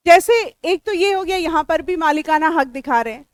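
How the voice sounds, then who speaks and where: A woman's voice: very high-pitched, lively intonation, moderate pace, no room sound. A woman with an Indian accent, teaching English grammar to a classroom, explaining step by step and quizzing her students. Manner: chatty and joking with students. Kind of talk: classroom lecture.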